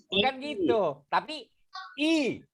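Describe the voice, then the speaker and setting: A man teaching a poetry reading class. His voice swings widely in pitch as he explains things casually and animatedly, demonstrating sounds and drilling his students. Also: big pitch swings, a little slow, over a noisy crowd. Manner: casual, explanatory, uses fillers like "gitu ya".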